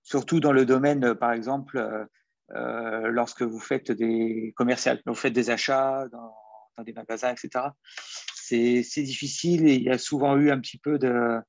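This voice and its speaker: A man's voice: mid-range voice, steady tone, moderate pace, no room sound, highs cut off. Hesitant man guest on a dry radio panel. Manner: hesitant, trailing, many fillers.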